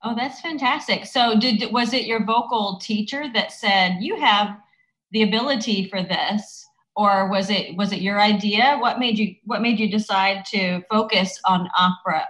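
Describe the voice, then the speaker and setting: Eager woman interviewer, mid pitch. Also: moderate pace, a bit bright, low-quality recording. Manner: enthusiastic, stumbling restarts in questions. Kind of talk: casual interview.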